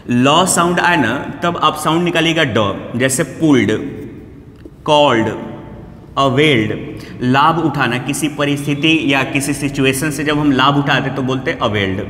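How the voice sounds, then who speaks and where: A man's voice: mid-range voice, a little slow, a bit bright. A man teaching English pronunciation in Hindi, patiently repeating each example word several times. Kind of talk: Hindi-language pronunciation lesson. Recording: echoey room with long reverb, faint background noise.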